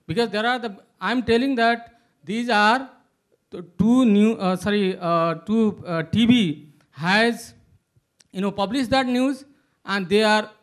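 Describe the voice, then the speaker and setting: A man poses a long, rambling question to a panel. His voice sits high for a man, and he halts often, filling the gaps with "uh" and "you know." It sounds like off-the-cuff speech from the audience floor. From Nepal. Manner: halting, many filler sounds. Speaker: audience member asking a question. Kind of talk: hesitant spoken question at a panel.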